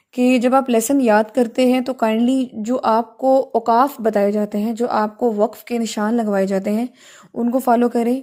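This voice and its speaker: High-pitched woman teacher, patient and explaining, drops english words in, asks the class questions. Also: dark tone. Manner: patient, explanatory, mixes English terms into speech; stresses key words and asks students questions. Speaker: Quran recitation teacher. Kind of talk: lecture to students.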